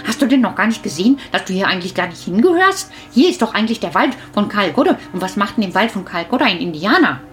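A woman voicing a chatty, nosy lady in a children's story, firing off excited questions. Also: medium pitch, fast talker, few pauses, soft background music, voice pushed up. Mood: astonished, questioning. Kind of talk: storybook reading.

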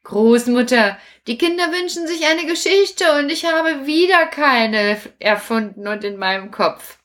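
A woman voicing a cheeky, excitable puppet jester boy in a children's story. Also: high voice, unhurried, voice pushed up. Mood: excited. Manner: bright eager storytelling.

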